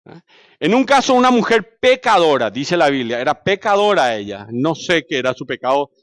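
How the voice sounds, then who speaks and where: A man with a Paraguayan accent preaching a sermon, telling stories animatedly, swinging from loud to hushed and asking the congregation questions. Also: on the high side, big pitch swings, normal speed, no echo, studio quality. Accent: Paraguayan Spanish.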